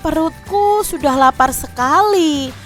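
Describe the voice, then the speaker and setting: A woman voicing a hungry, greedy cat in a children's storybook, chanting in a high sing-song. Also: animated, slow, a bit bright, soft background music, exaggerated voice. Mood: impatient.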